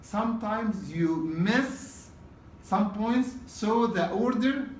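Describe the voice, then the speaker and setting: A man's voice: high voice, lively intonation, drawn-out words, a little hiss or hum. A man teaching a test-prep class in a casual lecture style, often checking in with "okay?" and repeating key points. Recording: roomy classroom from a distance.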